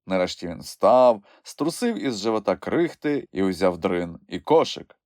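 A man narrating a children's audiobook in an expressive storytelling manner. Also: sits low, moderate pace, no echo, studio quality. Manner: expressive storytelling with lively swings. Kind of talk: scripted narration.

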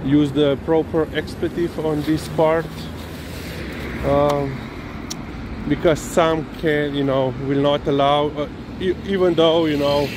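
Rambling male dog-walker vlogger, slow delivery, outdoor street recording with traffic noise. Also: fairly high pitch, steady tone. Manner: rambling, unhurried, with many fillers and restarts. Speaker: dog owner vlogging a walk. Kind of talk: casual narration while walking. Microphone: handheld or body camera.

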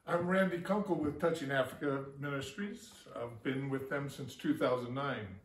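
A man's voice: medium pitch, normal speed. Man, older, plain heartfelt chapel talk, distant, faint hiss. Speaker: ministry construction leader. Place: living room, indoors. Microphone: far camera. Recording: roomy, distant camera audio with faint noise.

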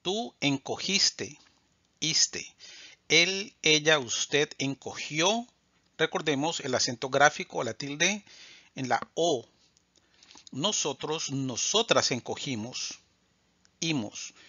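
A man teaching Spanish verb forms in a slow scripted drill, saying each form deliberately and clearly. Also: on the high side, animated, sharp tone, dry recording. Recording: dull lo-fi sound.

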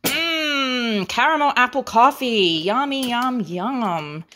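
A woman's voice: on the high side, slow pace, sharp tone, slight background noise. English-accented woman, grocery haul vlogger, chatty and playful, savors every item. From England. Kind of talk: grocery haul show-and-tell.

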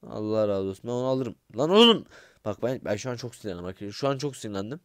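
A young man giving casual gameplay commentary, excitable and grumbling, swearing under his breath and talking straight to his viewers. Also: mid-range voice, racing, no room sound, clean studio sound. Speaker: gaming YouTuber.

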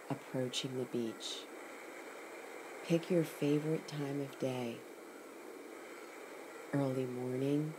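Very slowly and soothingly, a woman with a notably low voice reads a scripted guided meditation, leaving pauses between short phrases. Ocean sounds play in the background, and clear ambient noise is heard throughout.

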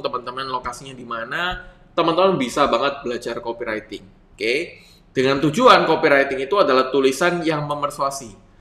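A young man talks viewers through a lesson in a relaxed, conversational way and keeps checking in with them. His voice is bright and forward. The room around him has a noticeable echo. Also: mid-range voice. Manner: conversational teaching, addresses viewers as friends, many fillers. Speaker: copywriting instructor. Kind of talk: online lesson with slides.

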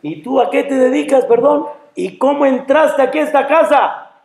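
A man's voice: a little high, big pitch swings, measured pace, dark tone. A man voicing a complaining, frightened ordinary husband who turns whiny and indignant. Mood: confused. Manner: whiny, indignant, rising pleas. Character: grumbling everyday husband, fussy and frightened. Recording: roomy echo.

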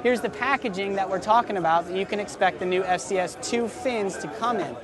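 A man's voice: high-pitched, brisk, crowd noise. A young man in his twenties hosting an enthusiastic, salesy product demo at a busy indoor expo booth, talking close to the camera. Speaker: surf shop host. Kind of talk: trade show product demo.

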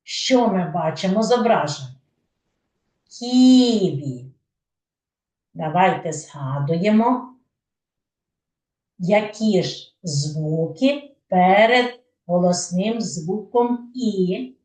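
A woman's voice: on the low side, expressive, slow pace, darkish tone. A woman with a Ukrainian accent teaching a patient, question-led phonics lesson to preschool children. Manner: patient, asks questions then answers them herself. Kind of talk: slow didactic lesson for young children. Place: kindergarten room. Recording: echoey room, voice from a distance.

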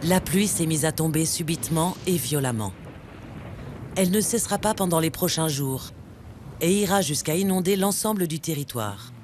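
A man reads scripted nature documentary narration in a measured, dramatic storytelling way. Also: fairly high pitch, expressive, a little mellow, slight background noise. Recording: music bed under the narration. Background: background music, animal sounds.

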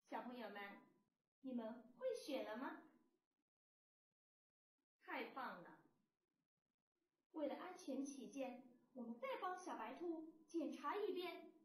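A woman primary school teacher giving a recorded lesson to young children, speaking in a slow, sing-song, encouraging way. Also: high-pitched, expressive. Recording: roomy and distant from the mic.

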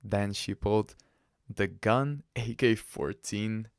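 A man hosting a podcast, telling a personal story in a halting, casual way with restarts and soft laughs. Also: on the low side, clean tone, dry recording, clean studio sound. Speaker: podcast host.

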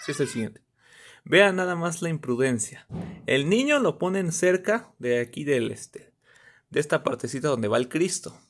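Lively man mocking video clips. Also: fairly high pitch, normal speed, slight background noise. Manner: animated, mocking, bursts into shouts and laughter. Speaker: reaction video host. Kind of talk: comedic reaction commentary.

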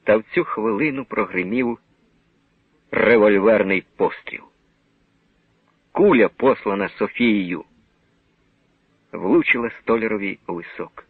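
A man giving a grave, measured dramatic reading of a novel as narrator. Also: fairly low pitch, breathy edge, no echo. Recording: narrow old radio broadcast sound.

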